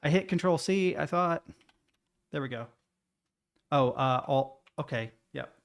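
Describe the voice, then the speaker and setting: A live streamer chats casually, thinking aloud with stammers, cutting himself off, and swearing at his own expense. His voice sits on the high side at a measured pace.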